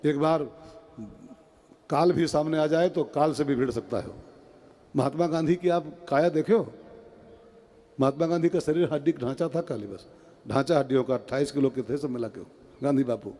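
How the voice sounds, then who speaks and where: Animated male preacher in a reverberant hall. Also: a little high, moderate pace, pauses often. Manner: animated storyteller, acts out dialogue, asks the audience questions. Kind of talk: devotional discourse with storytelling.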